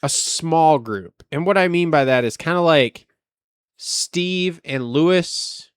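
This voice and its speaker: A man co-hosting a casual chat, telling animated stories and ranting with lots of swearing. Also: a little high, slow, clean tone, no echo, clean studio sound. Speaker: podcast co-host.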